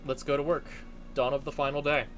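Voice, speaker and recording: A man's voice: mid-range voice, little pitch movement, a little fast. A man hosting in casual chat, hesitant and correcting himself as he goes. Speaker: host.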